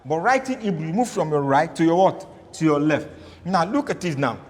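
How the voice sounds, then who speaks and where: A man's voice: on the high side, expressive, normal speed. A man giving a Hebrew grammar lecture, repeating his points and asking the class questions. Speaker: Hebrew teacher. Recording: echoey hall.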